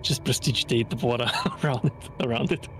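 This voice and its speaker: A man's voice: medium pitch, fast talker, a bit bright. A man talking casually as a player in a tabletop game. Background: background music.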